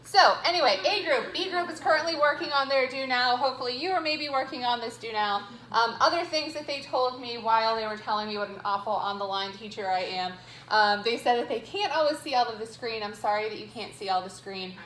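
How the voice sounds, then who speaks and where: A woman's voice: a little high, brisk, a bit bright, reverberant, slight background noise, low-quality recording. A woman teacher chatting casually and jokingly with her class, full of fillers. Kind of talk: casual classroom chat with students.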